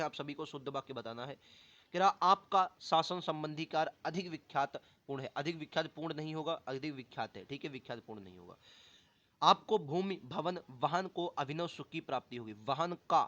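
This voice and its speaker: A young male exam coach goes through grammar questions, reading each option aloud and then correcting it. His voice sits fairly high for a man. The recording sounds dull and lo-fi. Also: fairly bright tone. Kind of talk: explaining Hindi grammar questions.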